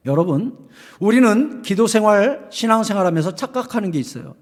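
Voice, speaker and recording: A middle-aged male pastor preaching in a church, his voice ringing high in the long reverb of the sanctuary. He drops to near-hushed asides, then climbs to shouted appeals, acting out the voices he quotes along the way. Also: animated, brisk. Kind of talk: sermon.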